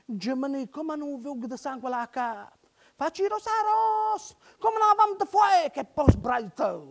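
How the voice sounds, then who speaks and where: A woman reciting a folk story in Bari dialect, dramatic and with sudden loud outbursts. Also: sits high, lively intonation, a little slow.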